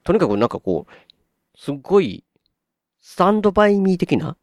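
A man with a Kansai accent, chatting on a podcast as a co-host and telling stories in an animated way, acting out his own surprised reactions. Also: high voice, moderate pace, no echo, studio quality. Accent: Kansai Japanese. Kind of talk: casual podcast chat.

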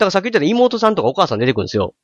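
Osaka man, 40s, rapid animated storyteller, dry close sound. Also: high voice, no room sound. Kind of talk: casual chat.

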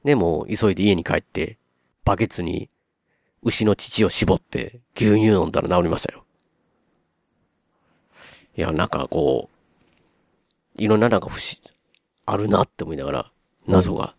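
A man with a Kansai accent, chatting on a podcast as a co-host and telling stories in an animated way, acting out his own surprised reactions. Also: low-pitched, moderate pace, creaky, long pauses, no echo, clean studio sound. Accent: Kansai Japanese. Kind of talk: casual podcast chat.

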